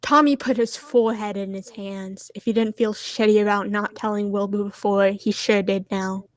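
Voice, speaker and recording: A woman narrating a fan script aloud on stream in a steady, plain way. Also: medium pitch, moderate pace, no echo. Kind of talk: casual read-aloud narration.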